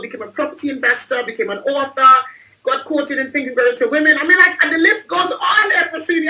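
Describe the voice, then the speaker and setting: Woman, bright voice, emphatic storytelling, repeats phrases, video call. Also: high voice, far from the mic, rough recording. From Trinidad and Tobago. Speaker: guest, entrepreneur and speaker. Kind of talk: interview storytelling.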